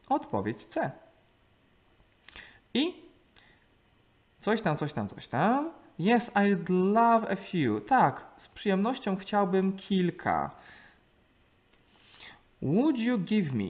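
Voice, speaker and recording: A man's voice: fairly high pitch, narrow, tinny audio. A man teaching English, walking through exam answers and reasoning aloud step by step as he translates each line.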